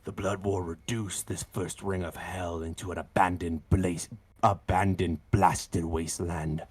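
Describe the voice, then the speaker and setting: A man voicing an ominous demonic lore-giver who warns of hell in slow, solemn tabletop game narration with a husky voice. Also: low voice, flat delivery, a little mellow, no echo. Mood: grave warning. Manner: slow solemn dramatic delivery.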